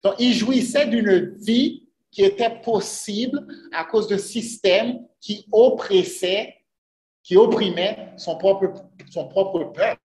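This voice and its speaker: His tone is darkish, though his voice is high and his delivery slow. He preaches an earnest sermon in a church sanctuary, often asking the congregation rhetorical questions, and the room sounds echoey.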